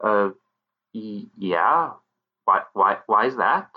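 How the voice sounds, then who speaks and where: A man's voice: fairly low pitch, animated, slow pace. A man voicing a male gymnast who hesitates and then boasts. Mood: hesitant. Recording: muffled lo-fi recording.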